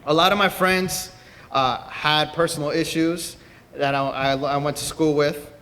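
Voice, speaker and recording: An earnest young man from Peru tells his own story to a convention audience, pausing on fillers as he goes. His voice sits a little high and rings with a long reverb from the hall, over a faint background hiss. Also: steady tone, pushed and bright. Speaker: speaker at a convention. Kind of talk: personal talk to an audience. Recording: distant mic in a reverberant hall.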